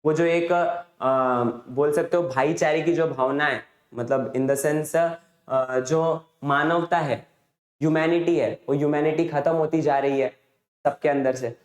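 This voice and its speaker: Here the revision lesson comes at an unhurried pace, in a steady, medium-pitched voice. The teacher goes back over a chapter's story conversationally, peppered with rhetorical questions, and the room echoes noticeably.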